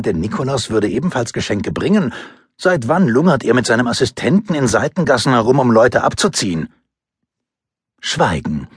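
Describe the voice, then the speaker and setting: A man's voice: lowish voice, husky, no echo. A man reading an audiobook aloud in first person, with dry, ironic storytelling. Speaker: audiobook narrator.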